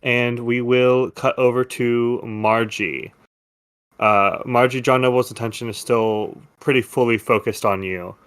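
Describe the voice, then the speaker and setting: A man's voice: medium pitch, a little slow, clear, resonant tone. A man running a tabletop game as game master, narrating and explaining rolls in a loose, rambling way. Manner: relaxed, rambling, laughs easily.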